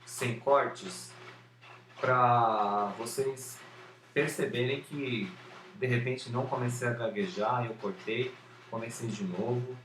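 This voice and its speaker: A man talking to a camera about overcoming a stutter, slowly, with some repeated syllables and many fillers. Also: medium pitch, a bit bright. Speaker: former stutterer sharing his method. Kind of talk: unscripted talk to camera. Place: indoor room with an open window and street noise. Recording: roomy, distant camera sound with faint background noise.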